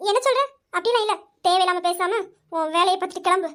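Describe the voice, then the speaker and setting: A woman's voice: extremely high pitch, steady tone, a little fast. A woman voicing a defiant young student who snaps scornfully at a man bothering her. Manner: sharp, scornful.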